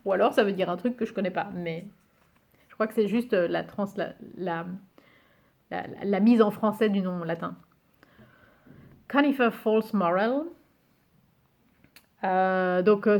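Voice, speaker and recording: A woman's voice: mid-range voice, a little mellow. Chatty woman presenting cards, hesitant. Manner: hesitant, many fillers, muses aloud over names; reads English card titles slowly and carefully. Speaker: YouTuber presenting a card game. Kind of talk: casual show-and-tell presentation.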